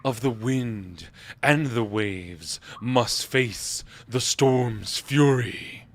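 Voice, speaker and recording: A man voicing a booming, solemn, ominous storm god in a tabletop game, proclaiming slowly. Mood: solemn, threatening. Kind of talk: tabletop game role-play.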